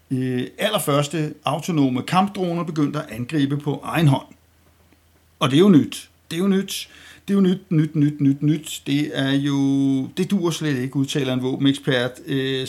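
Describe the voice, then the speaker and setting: A man hosting a weekly satirical news roast, mocking and ironic, rambling with fillers and restarts. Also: mid-range voice.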